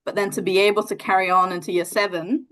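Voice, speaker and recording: A woman's voice: mid-range voice, flat delivery, quick pace, a bit bright. A young woman from New Zealand with a New Zealand accent, founder of a charity, talking casually and thoughtfully in an interview, with many fillers and restarts. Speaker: NGO founder, interview guest.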